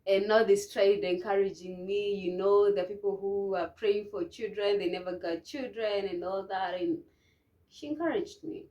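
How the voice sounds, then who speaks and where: A young woman telling a personal story to camera, emotional and hesitant, with many restarts and soft, trailing phrases. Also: mid-range voice, steady tone, moderate pace, dull audio. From Kenya. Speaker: vlogger.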